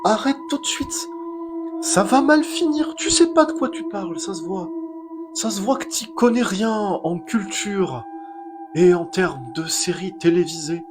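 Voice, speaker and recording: A man's voice: high voice, expressive, measured pace, music in the background. Heated man arguing, pushy. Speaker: comedy sketch performer. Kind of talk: scripted comedy sketch.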